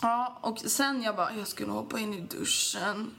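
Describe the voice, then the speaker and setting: A young woman co-hosting a casual podcast, telling an animated story, acting out quotes, laughing often and swearing freely. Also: a little high, background noise. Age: young adult. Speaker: podcast co-host.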